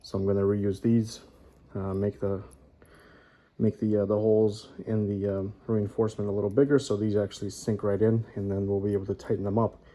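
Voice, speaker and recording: A man hosting a casual garage how-to vlog, talking in a relaxed, rambling way with lots of ums and uhs. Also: lowish voice, brisk. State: out of breath at times. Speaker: garage channel host. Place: home garage workshop.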